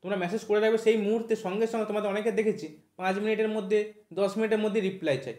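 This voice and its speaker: Male tutor, quick high voice, keeps checking "thik ache?", roomy echo. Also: fairly even intonation, darkish tone. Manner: repeats "thik ache?" after nearly every point, spells words out slowly. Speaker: English teacher for exam preparation. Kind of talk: online vocabulary lesson.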